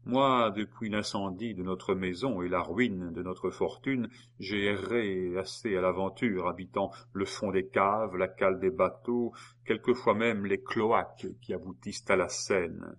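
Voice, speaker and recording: A man with a low-pitched, fairly bright voice reads an audiobook at a measured pace. He voices a cold husband who mocks his wife with false politeness, sounding sneering, mock-polite and taunting.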